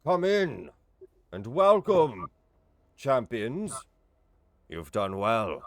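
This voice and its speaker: A man voicing a mad old wizard who speaks in a booming, magically amplified voice, slow and grandly formal. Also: sing-song, slight background noise, full character voice. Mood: grand, welcoming.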